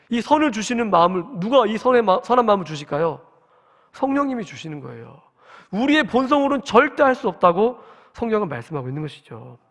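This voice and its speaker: Pastor in his forties, high-voiced man, conversational sermon, long church reverb. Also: fairly bright tone. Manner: earnest, conversational preaching with rhetorical questions. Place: church sanctuary at early-morning service.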